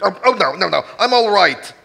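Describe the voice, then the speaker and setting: Nervous stammering fight manager, high gravelly voice, bright and breathy. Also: male voice, animated, normal speed, heavily acted. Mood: flustered. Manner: flustered, stammering. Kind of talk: 1940s radio acting.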